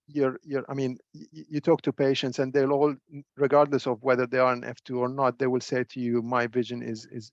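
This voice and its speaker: A middle-aged man giving a webinar lecture as a neuro-ophthalmologist, measured and full of fillers and repeated words. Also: medium pitch, no echo, lo-fi sound. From Syria. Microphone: video call.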